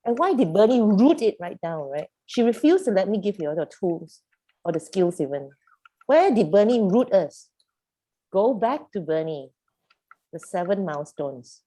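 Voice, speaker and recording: A woman's voice: medium pitch, big pitch swings, normal speed, mellow. A woman facilitating a youth program over a video call, speaking emphatically and posing one rhetorical question after another. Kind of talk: animated group coaching.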